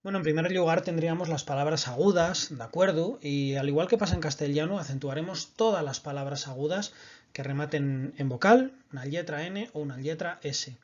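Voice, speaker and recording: A man teaches a recorded online language class, patient and methodical. His voice sits slightly high. The recording is dull and lo-fi. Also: brisk. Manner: patient explaining, frequent checks with "de acuerdo".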